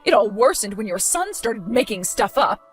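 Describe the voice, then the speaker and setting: A woman's voice: a little high, sing-song, normal speed, faint music behind. A woman voicing a spiteful older mother-in-law in a dramatized story, protesting indignantly.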